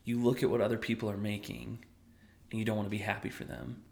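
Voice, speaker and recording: A man's voice: fairly low pitch, level tone, fast, gravelly, darkish tone, slight background noise. A man co-hosting a podcast, telling a story in casual chat, self-deprecating and sometimes dropping to a whisper for emphasis. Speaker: podcast co-host.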